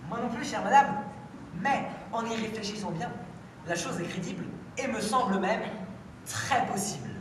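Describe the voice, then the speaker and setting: A teenage girl playing a prim, bewildered English gentleman in an amateur stage performance, formal and overly polite, heard from far off in an echoey hall. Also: medium pitch, normal speed, noisy background, lightly acted. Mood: puzzled politeness. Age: teens. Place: school show in a hall.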